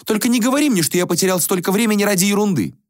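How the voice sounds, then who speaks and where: A man's voice: high voice, rapid-fire, no room sound, clean studio sound, pitched above the performer's own voice, close to an everyday voice. A man voicing a vain young prince and painter who is flippant, affected and rude. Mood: mocking. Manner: mocking, dismissive, affected.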